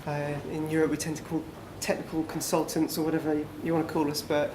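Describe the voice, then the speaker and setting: The voice is a little high and quick as this man talks casually through a conference presentation for a small audience. Fillers crop up constantly, and faint noise plus echo fill the room.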